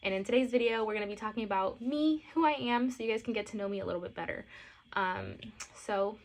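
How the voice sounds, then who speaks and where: A lifestyle and mom vlogger in her late twenties, born in Costa Rica and raised in Miami, talks to camera in a casual vlog. Her mid-range voice moves at a quick pace, and she's emotional, gushing and a little teary, with lots of fillers.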